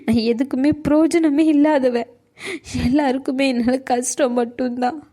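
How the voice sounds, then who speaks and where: Cartoon young mom, hurt and bitter; high voice, reproachful outbursts. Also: female voice, steady tone, normal speed, mellow. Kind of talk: cartoon voice acting.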